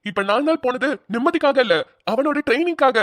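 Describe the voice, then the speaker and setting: A woman's voice: high-pitched, lively intonation, a little fast, no room sound. A woman voicing a bossy, teasing older brother, a grown man, in a cartoon. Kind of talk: cartoon voice acting.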